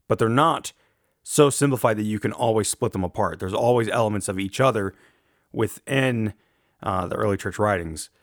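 A theology lecturer speaks informally in a low, gravelly voice that sounds roughened by allergies. He explains things carefully, qualifying his points as he goes. The recording is close and dry.

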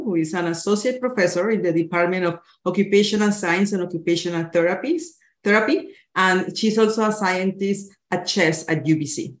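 A woman's voice: on the low side, echoey room. A woman hosting a podcast, welcoming her guest and asking friendly, encouraging questions about her childhood. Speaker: podcast host. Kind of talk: casual interview hosting.

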